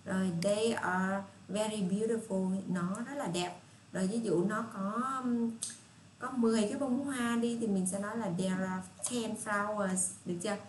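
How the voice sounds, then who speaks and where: A woman with a Southern Vietnamese accent teaching children English, patient and repetitive, reading English phrases out slowly. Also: a little high. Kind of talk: casual spoken lesson for children. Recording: echoey room with faint hiss.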